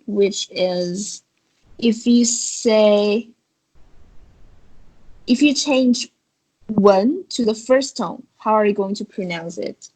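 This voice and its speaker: A woman's voice: medium pitch, darkish tone, low-quality recording. A woman teaching a beginner Chinese lesson over a video call, patiently guiding her student with questions. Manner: patient, coaxing, guides with questions. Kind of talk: online language lesson.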